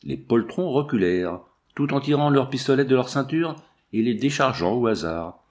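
A man narrating an adventure novel in a steady, measured audiobook reading. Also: mid-range voice.

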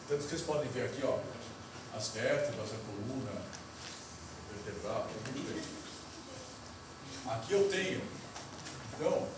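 Lecturer in an echoey hall, far off. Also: male voice, medium pitch. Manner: explains step by step while drawing on the board, asks the class questions. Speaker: university lecturer. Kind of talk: classroom lecture. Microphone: recorder far off in the room. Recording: echoey hall recorded from afar, noisy.

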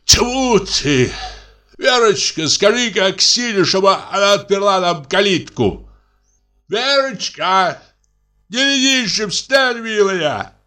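A man reading an audiobook, voicing a fussy tipsy middle-aged man who pleads and whines in a high voice. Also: very animated, slow pace, pushed and bright, heavily acted. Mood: coaxing. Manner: pleading, whining, high and coaxing.

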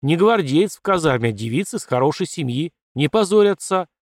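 A man voicing a gruff, stubborn old colonel and father, who growls and grumbles, in a dry recording. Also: a little high, lively intonation, brisk, no echo, voice pushed up. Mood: grumbling. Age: older. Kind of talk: audiobook character voice.

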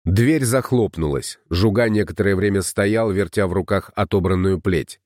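A man narrating an audiobook in a steady storytelling manner. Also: low-pitched, moderate pace, no room sound, studio quality. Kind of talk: scripted narration.

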